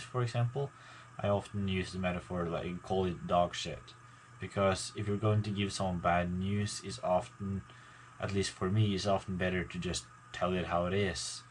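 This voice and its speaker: A man, a gaming video maker, talking casually to his viewers in a halting, mumbling way with many fillers and restarts. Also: deep voice, slight background noise, rough recording. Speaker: gaming YouTuber. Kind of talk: casual talk to camera.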